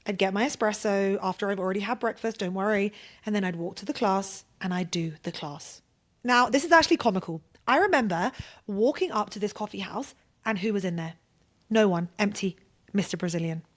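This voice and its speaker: A woman podcast host telling a personal story in a loose, conversational monologue. Her voice sits at an ordinary middle pitch. She talks freely, swears often and fills her sentences with "like.". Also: a little fast. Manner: chatty, swears freely, heavy use of "like".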